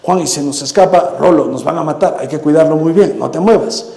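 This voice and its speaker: A man acting out two worried Roman guards arguing in hushed voices while they keep watch on a prisoner, in a sermon. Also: on the high side, fairly quick, vocal fry, voice pushed down. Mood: anxious. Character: two nervous Roman guards bickering, male adults. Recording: echoey church hall.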